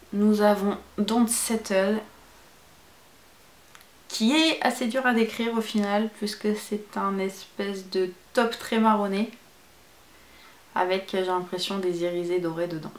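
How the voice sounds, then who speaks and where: Woman doing a chatty makeup review, excited about the colors, bit of room echo. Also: mid-range voice. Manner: chatty, enthusiastic describing shades. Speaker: beauty vlogger.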